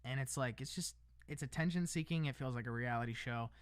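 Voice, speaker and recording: A man's voice: mid-range voice, brisk, clear, resonant tone, no room sound, studio quality. A man talking casually on his livestream, rambling with lots of restarts, tossing in "bro" and "man" and laughing between lines. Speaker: livestream host.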